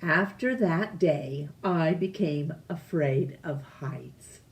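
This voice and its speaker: A woman reading a children's picture book aloud, deliberately, with pauses between phrases. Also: low voice. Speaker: storytime reader.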